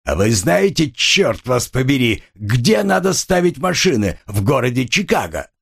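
A man's voice: medium pitch, sing-song, measured pace, creaky, slightly rough, heavily acted. A man doing a bellowing giant policeman. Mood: gruff. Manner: loud, scolding, emphatic. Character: huge gruff male Chicago policeman, bellowing.

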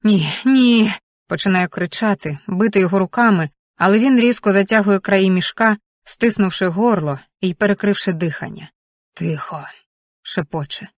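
A woman reads a first-person thriller aloud, tense and vivid, with her pitch sitting in an ordinary middle range. The sound is dry and close, with no room echo. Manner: tense, vivid present-tense narration. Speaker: audiobook narrator. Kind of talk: first-person dramatic story reading.

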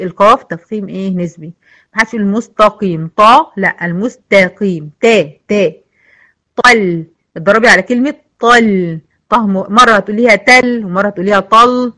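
A woman with an Egyptian accent teaching an online tajweed lesson, patiently repeating words and modelling slow recitation. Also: mid-range voice, sharp tone. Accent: Egyptian Arabic.

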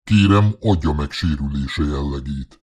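A man putting on the voice of a sci-fi medical machine, a cold automated system in an audiobook. It sounds extremely deep and dark, with a husky edge, giving flat, clipped announcements. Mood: flat, mechanical.

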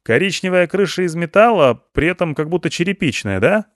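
A man voicing a bossy male rescuer who keeps shouting his words in a story reading. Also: a little high, expressive, brisk, no room sound, studio quality, pitched above the performer's own voice, close to an everyday voice. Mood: bossy, loud. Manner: shouting, emphatic.

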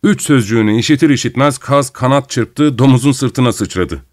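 Calm male audiobook narrator. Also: mid-range voice. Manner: calm, measured storytelling. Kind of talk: scripted storybook narration.

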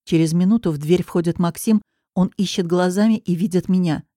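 A woman's voice: fairly low pitch, brisk, no echo, clean studio sound. Woman reading a dramatic audiobook. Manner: dramatic, expressive storytelling. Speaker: audiobook narrator. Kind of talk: scripted first-person audiobook narration.

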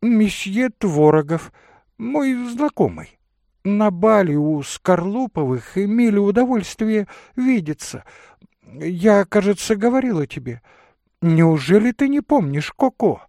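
A flighty society lady, put on by a male narrator, chatters in a high, leaping voice, gushing and breathless. The voice is gravelly underneath and dry, read in audiobook style. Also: big pitch swings, unhurried, dark tone, no room sound, exaggerated voice. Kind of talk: audiobook character reading.

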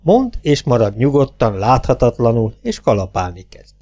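A man narrating an audiobook in a brisk, lively reading voice. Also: mid-range voice, faint music behind.

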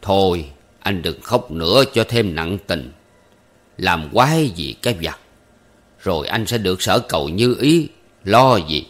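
An unhurried, measured older gentleman, as a male narrator plays him, speaking in a lowish voice with a cool, mildly ironic calm.

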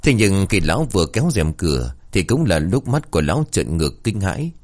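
Deep-voiced man narrating a horror tale. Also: big pitch swings, brisk. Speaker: storyteller. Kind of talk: scripted horror story narration.

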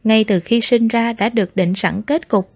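A woman narrating a novel as an audiobook in a measured, soft delivery. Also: fairly high pitch, fairly even intonation, no echo. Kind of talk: scripted story narration.

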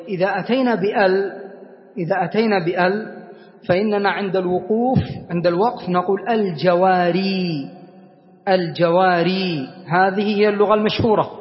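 A man teaching a class as a sheikh, explaining grammar deliberately, repeating key words and quizzing his students. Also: sits high. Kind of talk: classroom lesson on Arabic grammar. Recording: dull lo-fi sound with long reverb.

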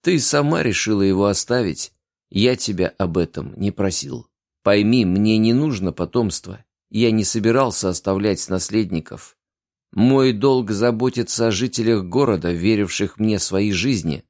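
A man playing a weary grown man who answers slowly and sullenly. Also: lowish voice, a little mellow, no room sound, studio quality, lightly acted. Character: weary grown man, town protector, calm lover.

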